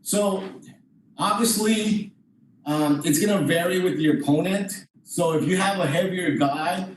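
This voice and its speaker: Male martial arts instructor, high-pitched voice, informal step-by-step demonstration, heard from a distance in a very reverberant room. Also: measured pace. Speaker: jiu-jitsu instructor. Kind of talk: hands-on class demonstration. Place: indoor training room. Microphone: distant camera microphone. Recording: distant mic, very echoey room, faint noise.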